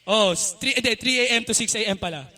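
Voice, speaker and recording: A young Filipino man with a high voice gives a youth message at a church service. He talks in a loose, chatty way, laughs often, and slips between Tagalog and English as he preaches. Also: fast talker, bright, forceful tone. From Philippines. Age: young adult. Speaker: youth speaker. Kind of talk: casual youth sermon.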